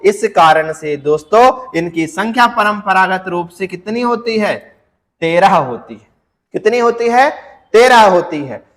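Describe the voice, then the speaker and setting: A male teacher with a fairly high voice gives an exam-prep lecture. He asks his students questions and answers them himself, and he draws words out to demonstrate. His voice rings with a long reverb. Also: fairly bright tone.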